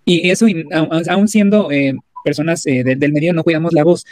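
A man's voice: on the high side, fairly quick, darkish tone, dry recording. A man hosting a podcast interview, eager and casual, with many fillers and false starts. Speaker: podcast host.

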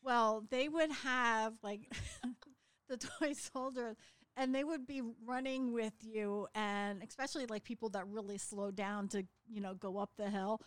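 A middle-aged woman co-hosting a casual chat, upbeat and quick to laugh. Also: on the high side, steady tone, smooth, no room sound. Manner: upbeat, laughs often, fills in his stories. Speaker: podcast co-host.

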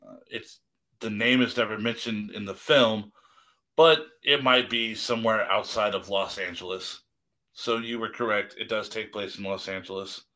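A man's voice: lowish voice, steady tone, normal speed, sharp tone. A man co-hosting a podcast, chatting casually with a rambling, self-deprecating manner and lots of restarts. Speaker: podcast co-host.

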